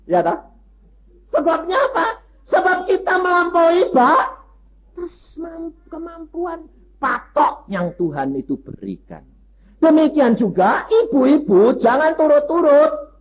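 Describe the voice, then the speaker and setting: A man preaching a sermon, telling stories lively and acting out the voices of people in them. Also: very high-pitched, takes it slowly. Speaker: pastor. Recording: muffled lo-fi recording.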